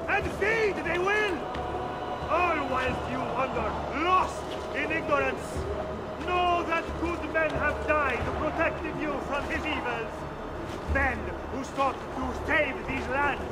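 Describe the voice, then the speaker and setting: An actor playing a fanatical preacher in a video game, proclaiming doom to townspeople like a town crier in zealous, declamatory sermon style. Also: male voice, extremely high pitch, very noisy. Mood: grave, exhorting. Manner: declamatory, zealous, drawn-out oratory.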